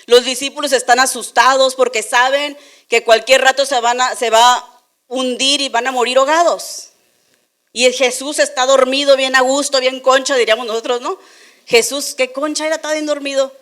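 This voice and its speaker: A woman from Tijuana with a northern Mexican accent, telling a Bible story to a young congregation in a playful, animated way, with many rhetorical questions. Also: high voice, normal speed. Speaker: children's church teacher. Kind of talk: lively Bible lesson sermon.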